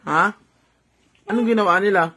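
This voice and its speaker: A woman's voice: medium pitch, normal speed, bright, forceful tone, slight background noise. A woman chatting casually with her talking pet, coaxing it with teasing questions. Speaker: pet owner.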